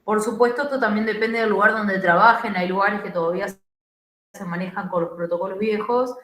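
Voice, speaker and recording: A woman doctor with a Rioplatense Spanish accent gives an online pediatrics lecture, her voice choppy and breaking up over the call, unhurried and full of "eh" fillers. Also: mid-range voice, fairly even intonation, a bit bright, reverberant. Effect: choppy, breaking-up online call audio. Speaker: pediatric doctor giving a class. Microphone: video call.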